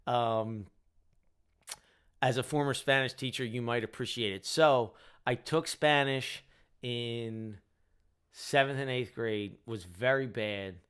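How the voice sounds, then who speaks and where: A man's voice: medium pitch, takes it slowly, pauses often, a bit bright, smooth. A tired young man with a Delco accent, chatting casually with viewers as a show host, rambling and joking about himself. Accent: Delco, Delaware County, Pennsylvania. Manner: rambling, self-deprecating, joking. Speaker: rideshare driver and channel host. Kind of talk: casual chat with live viewers.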